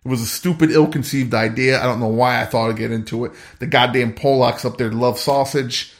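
A man's voice: mid-range voice, steady tone, brisk, lightly acted. Man playing a rambling, streetwise hunter. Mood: rambling, offhand. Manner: rambling, slangy, offhand. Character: rough, streetwise male hunter, worn-out and wheeling-dealing.

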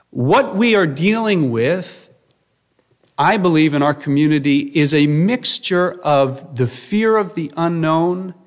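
A man in his thirties delivers a sermon. His voice sits slightly higher than most men's, and his delivery is earnest and conversational, full of "you know" and "okay?" asides. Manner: earnest, conversational preaching with frequent fillers. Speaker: pastor.

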